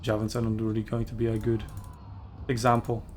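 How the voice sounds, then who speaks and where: A man's voice: lowish voice, monotone, brisk, background noise. A man hosting a gaming video, giving casual gameplay commentary in a rambling, chatty way with fillers and self-corrections.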